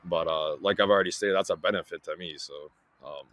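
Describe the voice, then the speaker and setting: Low-voiced young man. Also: brisk. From Toronto, Canada. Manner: easygoing, relaxed, filler-heavy. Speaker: guest, freight broker. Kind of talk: casual interview chat.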